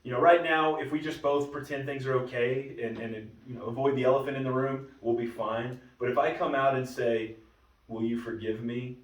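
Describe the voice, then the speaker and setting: A man's voice: medium pitch, steady tone, brisk, few pauses. A man, a pastor, leading a casual church Bible study as a conversational storyteller with frequent restarts. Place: church meeting room. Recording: roomy room, mic at a distance.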